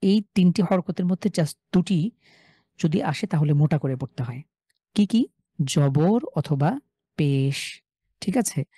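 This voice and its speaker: A man with a Bangladeshi Bengali accent teaches a live online recitation class. His voice is mellow and his delivery patient: he drills each word slowly and keeps checking in with his students. The sound is close and dry. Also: high-pitched, lively intonation, slightly rough, no room sound. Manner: patient, repeats and drills words slowly, asks the class "ঠিক আছে?".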